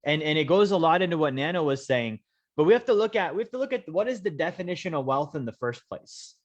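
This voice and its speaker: A man from Alaska hosting a webinar, talking in a measured way, slowing down to stress key points with frequent "okay?". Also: fairly high pitch, animated, highs cut off. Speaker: host, wealth coach. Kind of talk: casual webinar presentation.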